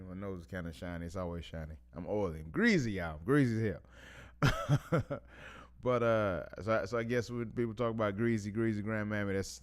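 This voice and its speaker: A man hosting a casual live stream, rambling in relaxed slang, chuckling between phrases and often losing his thread and starting over. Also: on the low side. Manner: rambling, loses track and restarts often.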